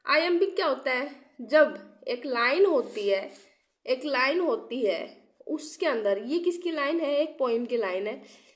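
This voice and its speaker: A young woman with a slightly high voice teaches an exam-prep lesson while unwell, coughing now and then. She poses rhetorical questions, repeats each key term and keeps checking in with her students. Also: animated, takes it slowly. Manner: checks in often with "theek hai". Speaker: English literature teacher.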